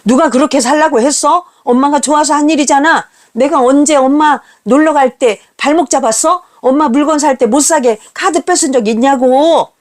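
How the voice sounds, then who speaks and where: Woman acting out a furious teenage son, sneering, accusing, raised voice, fairly high. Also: expressive, normal speed, a little mellow, natural voice. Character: angry contemptuous teenage son, male.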